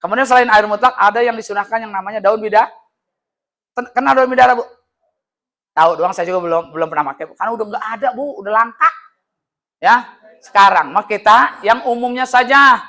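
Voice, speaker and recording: Animated high-pitched male religious teacher. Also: brisk, pauses often. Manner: animated, joking, acts out quoted voices. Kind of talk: lively classroom lesson with jokes.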